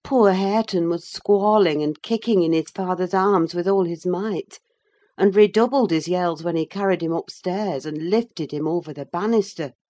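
A woman narrating a classic novel in the first person with a measured, expressive reading. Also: fairly low pitch. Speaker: audiobook narrator.

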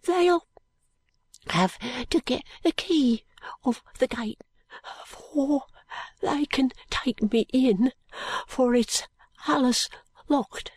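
A dying ragged street boy, weak and breathless, his voice high and thin, as a woman puts him on. He drags out each word slowly in dialect and fades into faint whispers. The recording is close and dry. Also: a little mellow, husky, no echo, exaggerated voice. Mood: feeble.

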